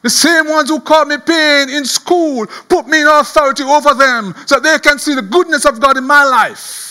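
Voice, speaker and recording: A man's voice: very high-pitched, normal speed, sharp tone. A preacher voicing a desperate pleading young man. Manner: pleading, earnest. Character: desperate young man begging God for blessing.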